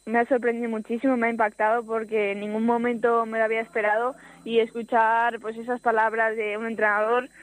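A woman's voice: fairly high pitch, flat delivery, a little fast, few pauses, poor audio. A teenage girl from Spain, a footballer, talking hesitantly over the phone in a radio interview and laughing often. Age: teens. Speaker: youth footballer guest. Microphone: phone line.

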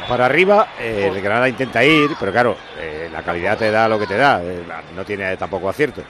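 A man's voice: lowish voice, animated, fairly quick. A man with a Spanish accent from Spain hosting live football radio in a casual, chatty style. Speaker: sports radio host. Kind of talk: casual live match chat. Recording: noisy stadium broadcast. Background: ambient noise.

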